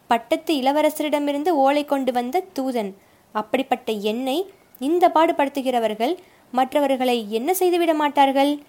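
Woman doing a hot-headed young warrior guy, fast indignant protest, highish voice. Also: a little mellow, lightly acted. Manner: rapid indignant protest, raised and emphatic. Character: bold young male warrior, indignant and sharp-tongued.

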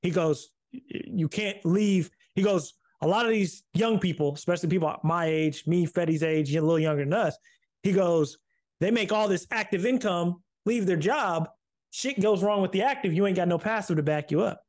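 A man co-hosting a podcast in casual chat, talking in animated bursts, repeating himself and swearing casually. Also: high voice, moderate pace. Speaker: podcast co-host.

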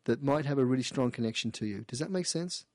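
A man hosts a call-in radio show, giving a caller a playful, animated past-life reading while often repeating and restarting his phrases. His voice is medium-pitched and fast, with no echo.

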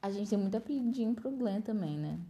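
A woman with a Brazilian Portuguese accent, hosting a podcast in expressive, exclamatory casual chat. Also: mid-range voice, fast. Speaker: podcast host.

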